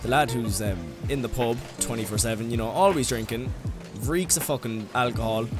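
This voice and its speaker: A young Irish man rants for laughs in a rambling, foul-mouthed vlog style, packing every sentence with "like." His voice sits at an ordinary pitch for a man. Music plays clearly behind him throughout. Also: a little fast. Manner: rambling, sweary, heavy use of "like". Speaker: vlogger. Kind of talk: comedic rant.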